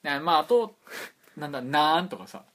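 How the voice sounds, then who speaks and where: A man's voice: on the high side, animated, normal speed, fairly bright tone. A man with a Toyama accent co-hosting a casual radio chat, rambling and often restarting his words. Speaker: radio show co-host.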